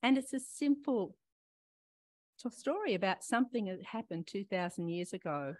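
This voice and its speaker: An older woman preaching a gentle, reflective sermon, talking straight to her listeners and asking them questions. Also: medium pitch, no room sound. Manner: warm questioning, talks to listeners directly.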